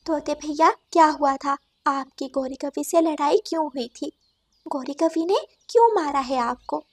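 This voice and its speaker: A woman voicing a polite young female sparrow, a daughter-in-law in a cartoon, talking softly. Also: sits high, normal speed, voice pushed up. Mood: concerned. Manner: soft and polite, mildly complaining.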